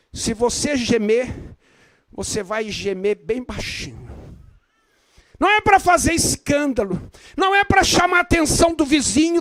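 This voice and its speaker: A man with a Brazilian Portuguese accent preaches with a very high voice. He swings from fervent shouts down to hushed low tones and stretches out the words he stresses. The sound is close and completely dry. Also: no echo. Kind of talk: evangelical sermon.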